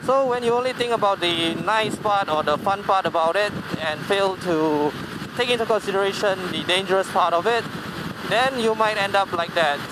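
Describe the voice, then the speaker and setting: Guy riding his motorbike and rambling, kinda high voice, tons of uh and um, engine and wind roaring behind him. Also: normal speed. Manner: rambling, frequent fillers and restarts, swears casually. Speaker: motovlogger. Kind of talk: casual talk while riding. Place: on a motorcycle on a highway outdoors. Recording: loud road and wind noise. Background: loud road and engine noise.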